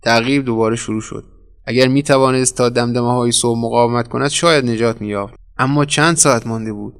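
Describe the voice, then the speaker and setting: A man narrating a short story aloud in a measured, dramatic way. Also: medium pitch, steady tone, smooth. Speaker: audiobook narrator. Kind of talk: scripted narration.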